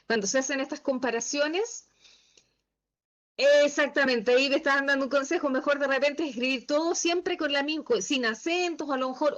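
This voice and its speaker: Female instructor, high voice, patient step-by-step teaching, slightly muffled call audio. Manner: patient, asks the class checking questions. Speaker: Excel instructor. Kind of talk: online class teaching. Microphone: video call.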